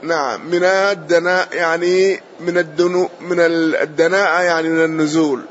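Male teacher, fairly high voice, methodical line-by-line explanation that repeats itself for clarity, lo-fi hissy recording. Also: little pitch movement, fairly bright tone. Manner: measured explanation, repeats and rephrases, closes points with a short affirmation. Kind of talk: classical text lesson, explaining line by line. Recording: muffled lo-fi audio with faint hiss.

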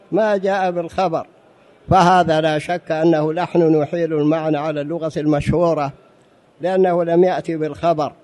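A man's voice: high-pitched, darkish tone. A man giving a religious lesson on jurisprudence, explaining patiently, repeating key phrases and asking the audience rhetorical questions. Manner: explanatory, addresses the audience as brothers. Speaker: religious teacher.

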